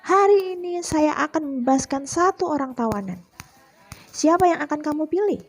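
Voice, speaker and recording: A woman's voice: high voice, lively intonation, moderate pace, pitched above the performer's own voice. A woman playing Pilate, a uneasy male governor. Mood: questioning. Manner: questioning crowd aloud.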